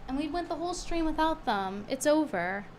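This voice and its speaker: A woman with a high-pitched, animated voice speaks a little fast during a casual livestream chat, her throat strained by a cold. She's blunt and scornful yet chatty with viewers, reading tips aloud over a little hiss or hum.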